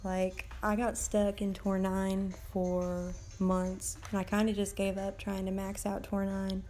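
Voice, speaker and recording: A woman's voice: medium pitch, monotone, unhurried, mellow, slight background noise. A woman casually chatting and commenting while livestreaming a mobile game, rambling and swearing now and then, her voice tired late at night. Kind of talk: casual live gameplay commentary.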